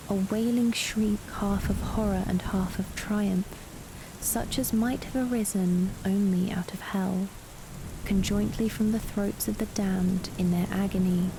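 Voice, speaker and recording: Soft-voiced woman narrating over loud rain. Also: medium pitch, background noise. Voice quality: soft, gentle, breathy at times. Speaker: story narrator. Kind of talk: soft-spoken ASMR reading of a gothic tale. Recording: loud rain and storm sounds. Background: rain and storm ambience.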